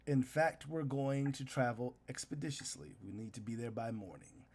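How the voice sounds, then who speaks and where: A man's voice: mid-range voice, darkish tone, slightly rough. Man voicing a composed, commanding sorceress. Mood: firm. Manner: polite, formal, measured. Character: composed, commanding woman spellcaster.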